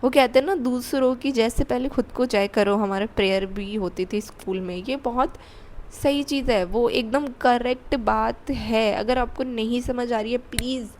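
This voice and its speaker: A woman's voice: fairly high pitch, measured pace, darkish tone, a little hiss or hum. Candid young woman telling a personal story. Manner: candid, confessional, with emphatic repetition. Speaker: vlogger.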